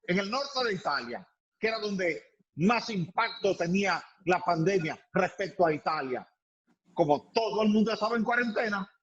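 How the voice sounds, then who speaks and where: A man with a high voice explains his points emphatically, stacking repeated phrases for weight. The sound is dull and lo-fi, as if he is on a remote line to the studio. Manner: emphatic, builds points by repetition. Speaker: environmental expert guest. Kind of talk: explanatory radio interview.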